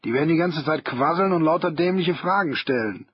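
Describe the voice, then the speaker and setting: A man voicing a brash, crude teenage schoolboy who mocks loudly. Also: fairly high pitch, expressive, a little fast, husky, lo-fi sound. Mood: grumbling. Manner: mocking, loud-mouthed.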